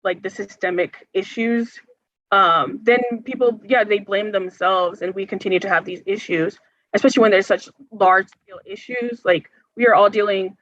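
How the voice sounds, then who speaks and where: Young woman, organizer at a forum, earnest, halting with fillers, dull lo-fi sound, dry room. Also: mid-range voice, fairly even intonation, a bit bright, no room sound. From United States. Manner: earnest, hesitant, many ums and likes. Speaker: health care organizer, forum guest speaker. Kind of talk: answering audience questions at a forum.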